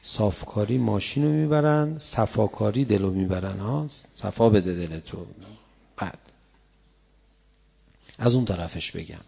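A man giving a colloquial religious sermon, telling stories in a conversational way and building up to loud, impassioned passages. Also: fairly low pitch, gravelly, pauses often, husky. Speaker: preacher.

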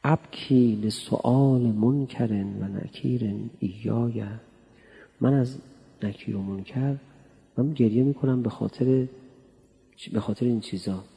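A cleric with a medium-pitched, warm, gravelly voice and a breathy edge gives a religious talk in a reverberant hall. He addresses the crowd conversationally and playfully, often posing questions to them.

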